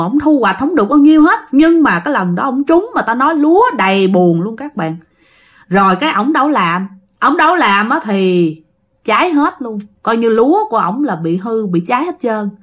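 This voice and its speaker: A woman with a Southern Vietnamese accent tells a ghost story in a casual, chatty way, often turning to address her listeners. Her fairly high voice rises and falls in lively, expressive swings. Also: normal speed.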